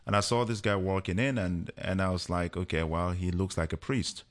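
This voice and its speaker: A man, a guest telling a personal story in an unhurried way with many fillers. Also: low voice, steady tone. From Cameroon.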